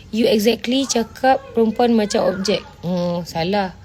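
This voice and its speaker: A mid-range, slightly mellow voice belongs to a woman with a Malaysian Malay accent hosting a casual livestream. Blunt and scolding, she replies to viewer comments in a mix of Malay and English, regularly asking "faham tak?".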